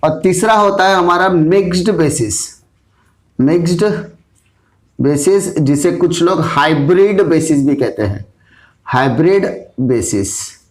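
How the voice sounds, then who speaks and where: A man lectures on commerce in a high, fairly light voice. He works through the topic like a classroom teacher, asking questions aloud and answering them himself. He repeats the key terms to drive them home. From India.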